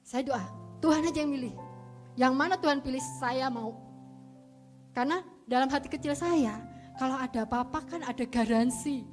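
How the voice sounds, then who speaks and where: A woman's voice: high-pitched, normal speed, soft background music. A woman giving a personal testimony in church, telling her story earnestly and emotionally and voicing her prayers aloud. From Indonesia.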